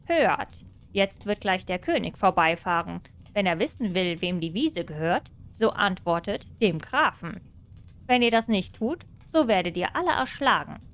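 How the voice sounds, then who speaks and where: A woman voicing a sly, clever male cat in boots in a storybook reading, by turns bold and flattering. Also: mid-range voice, a little slow. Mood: commanding.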